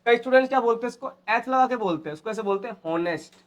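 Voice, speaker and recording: A man's voice: extremely high pitch, racing. An Indian man teaching English phrases, repeating each one and quizzing his students. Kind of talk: spoken English lesson in Hindi.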